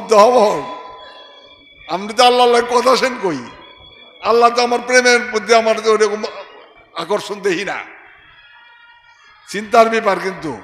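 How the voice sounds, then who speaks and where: High, bright-voiced preacher. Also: male voice, reverberant, big-room sound. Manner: sing-song, emphatic, shifts between shouting and murmuring. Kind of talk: Bengali religious sermon, storytelling with quoted voices.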